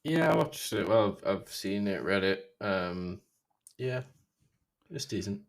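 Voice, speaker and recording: A man's voice: fairly low pitch, animated, measured pace, gravelly. A British man with slightly slurred speech, chatting casually and drily as a podcast co-host.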